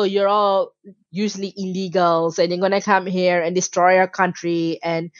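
A woman's voice: lowish voice, no echo, dull audio. A woman from Malaysia, a podcast guest talking casually and emphatically with many fillers. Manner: animated, emphatic, frequent fillers. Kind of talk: casual interview talk.

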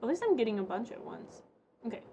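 A woman streamer chats casually through a game, thinking out loud. Her voice sits fairly high, and there is noticeable noise behind it. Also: very animated, fast. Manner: informal, thinking aloud to herself and viewers. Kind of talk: casual live game commentary.

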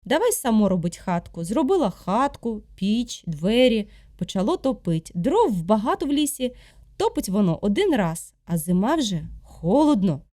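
A woman actress narrating a folk tale in an expressive storybook style. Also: mid-range voice, normal speed, no room sound, clean studio sound. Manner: sing-song, expressive.

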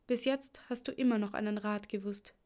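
A woman's voice: medium pitch, fairly even intonation, a little fast, darkish tone, close to an everyday voice. Woman reading a distressed young queen. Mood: pleading. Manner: pleading, anxious.

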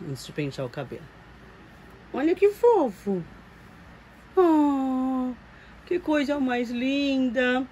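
At home in a room lined with doll shelves, a woman with a Brazilian Portuguese accent chats with her viewers and coos fondly over a reborn doll. Her medium-pitched voice is a little mellow, and the poor audio carries slight background noise.

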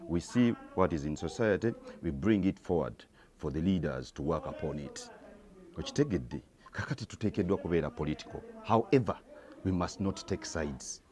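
Standing outdoors by an orange door, a man in his forties from Uganda, a theatre actor, speaks into a handheld reporter mic for a street interview, switching between Luganda and English. His low-pitched, darkish voice lectures emphatically and at times breaks into heated bursts.

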